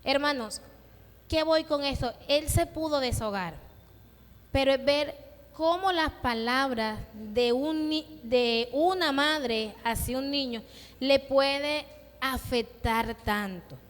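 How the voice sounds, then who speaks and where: A woman's voice: high voice, slow. A woman giving a church seminar talk, telling stories with acted dialogue. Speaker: women's ministry speaker. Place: church hall. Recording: long hall reverb.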